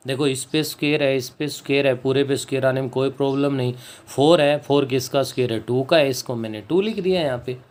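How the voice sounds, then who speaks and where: A man teaching a maths lesson, working through a proof step by step and often checking in with his students. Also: mid-range voice. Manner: slow and deliberate, dictates English phrases word by word, checks in with students. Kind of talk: board-work maths lesson.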